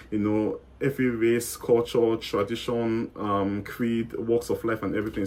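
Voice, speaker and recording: Fairly low in pitch and a little mellow, this young guest's voice carries a Nigerian accent over a faint hiss or hum. He rambles loosely through interview answers, repeating words and fixing himself partway through sentences.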